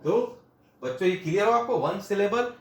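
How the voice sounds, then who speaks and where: A man's voice: high voice, animated, normal speed, reverberant. A male teacher explaining grammar at a classroom board. He repeats each point, asks questions and answers them himself, and mixes Hindi with phrases.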